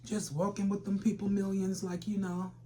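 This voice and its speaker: A man's voice: high-pitched, little pitch movement, normal speed, heavy background noise. A man giving a rambling, casual tarot reading full of slang and repeated phrases. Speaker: tarot reader.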